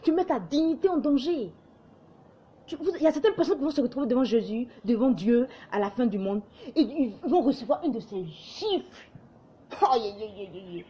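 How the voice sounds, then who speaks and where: Speaking a little fast, this young Ivorian woman has a high, expressive, dark-toned voice that is slightly rough, and the recording's highs are cut off. She's an online commentator lecturing and exhorting to camera in light Ivorian French, with passion throughout. Now and then she imitates others in quoted asides.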